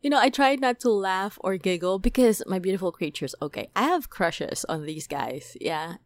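A woman hosting a podcast, telling a dream story in a casual, animated way, packed with "like" and "right?", her voice climbing high when excited. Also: normal speed. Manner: animated, many fillers like "like" and "right?". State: toothache, on medication. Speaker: podcast host.

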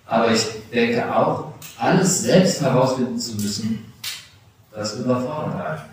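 Middle-aged pastor preaching in an echoey church. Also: male voice, mid-range voice, animated, moderate pace, a little hiss or hum. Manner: warm-hearted, personal, speaks directly to teenagers. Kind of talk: confirmation sermon. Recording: echoey church recorded from a distance.

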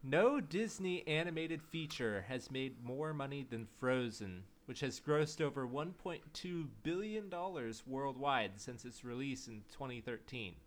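An easygoing man with a middle-pitched voice co-hosts a casual podcast. He banters freely and reads trivia in a quieter, relaxed way. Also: a little slow, few pauses. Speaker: podcast co-host. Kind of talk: casual chat, reading trivia facts.

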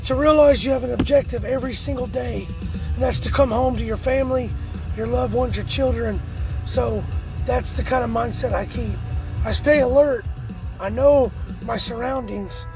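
A man with a hoarse, cracking, strained voice, chatting casually as a podcast co-host in a laid-back, slangy way. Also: very high-pitched, moderate pace, over music, rough recording. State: hoarse, lost his voice. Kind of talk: casual chat.

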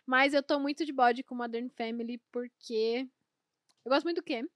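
A woman's voice: high-pitched, steady tone, moderate pace, dry recording, studio quality. A Brazilian woman hosting a podcast, chatting in an enthusiastic, opinionated way. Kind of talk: casual chat.

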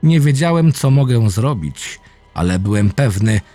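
A man reading a first-person horror story aloud, low and intense with dramatic swings. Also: animated, a little slow, mellow. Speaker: narrator. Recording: faint music behind the voice.

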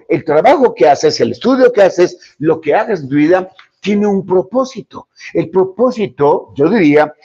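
A man's voice: on the high side, darkish tone, husky, lo-fi sound. A Mexican man in his fifties hosting a podcast, giving a reflective, self-deprecating motivational monologue with rhetorical questions. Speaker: podcast host.

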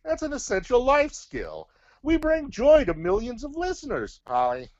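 A man's voice: very high voice, huge pitch swings, normal speed, darkish tone, no room sound, dull audio, pitched above the performer's own voice, exaggerated voice. A man playing a chirpy, desperately upbeat children's podcast host in a comic ventriloquist skit. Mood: insistent.

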